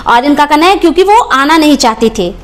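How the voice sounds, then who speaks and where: A woman's voice: high-pitched, animated, a little fast. A young woman from Bihar giving roast reaction commentary, talking in a confrontational, mocking, scolding way. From Bihar, India. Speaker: reaction channel creator.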